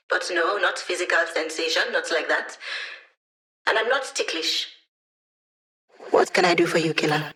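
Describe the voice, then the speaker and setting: A woman's voice: lowish voice, bright, forceful tone, roomy sound, distant mic. A woman voicing a cocky, playful young female hacker in a video game, with a wry, teasing, self-assured delivery. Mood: dry, playful. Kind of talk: video game character voice lines.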